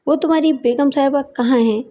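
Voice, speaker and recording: A woman's voice: high-pitched, mellow, natural voice. A woman narrator voicing a hot-tempered, jealous wife who hurls scornful taunts, in an audio story. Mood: furious.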